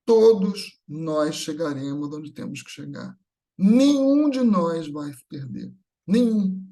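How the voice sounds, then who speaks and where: Slow-paced and warm, his slightly high voice is expressive throughout. A Brazilian guest speaker at a Spiritist gathering, he has a Brazilian Portuguese accent and delivers an extemporaneous religious talk with earnest reassurance, often building through repeated phrases.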